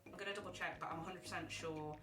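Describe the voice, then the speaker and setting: A woman's voice: lowish voice, fairly even intonation, rapid-fire, roomy sound, over loud music. A woman player chatting casually, giggly and talkative. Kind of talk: casual chat.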